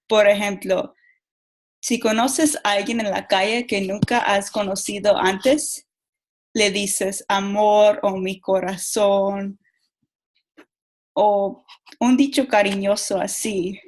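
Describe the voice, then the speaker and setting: A young woman giving a school presentation, halting often and repeating words as she searches for them. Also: mid-range voice, steady tone, low-quality recording. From Mexico. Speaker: student giving a class presentation.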